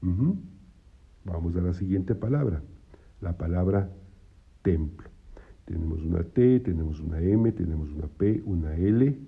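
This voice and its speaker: A man's voice: deep voice, animated, unhurried, vocal fry, pauses often, slightly rough, phone-quality sound. A man teaching a patient, repetitive lesson on Hebrew syllables, checking in with his listeners as he goes. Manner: patient, repeats points, asks "¿no?". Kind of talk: explaining biblical Hebrew syllables.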